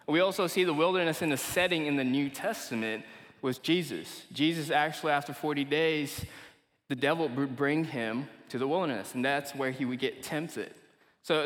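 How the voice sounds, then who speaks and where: Addressing a live congregation of young adults, a young Malaysian from Kuala Lumpur delivers a laid-back sermon laced with slang. His fairly high voice has a slightly bright quality, and the church meeting hall adds a long reverberant echo.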